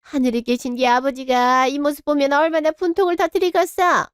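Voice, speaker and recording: A woman's voice: sits high, steady tone, a little fast, no echo, clean studio sound, natural voice. A woman voicing a harsh, cruel older mother-in-law in a radio drama, scolding and contemptuous. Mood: indignant.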